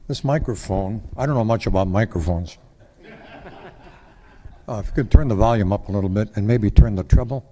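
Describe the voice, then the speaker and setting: A man's voice: on the low side, fairly quick, pauses often, mellow. Older man, folksy rambling speaker at a council lectern mic. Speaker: public commenter at council meeting. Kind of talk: public comment speech.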